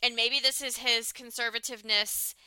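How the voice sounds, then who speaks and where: A young woman with a bright, crisp voice talks through a reality show in casual podcast chat. She gets fired up and acts out what people said. The sound is dry and close. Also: a little high, steady tone, normal speed, no echo. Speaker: podcast co-host.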